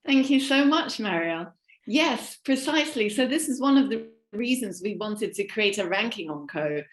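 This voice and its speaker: A woman from the platform team giving a webinar walkthrough while sharing her screen, steady and explanatory with filler ums. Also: mid-range voice, moderate pace, reverberant.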